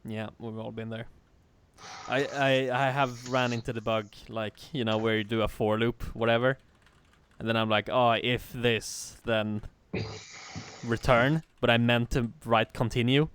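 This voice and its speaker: A man's voice: mid-range voice, level tone, normal speed, fairly bright tone, a little hiss or hum. A man teaching a live coding lesson in a casual way, laughing and swearing freely. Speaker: programming teacher.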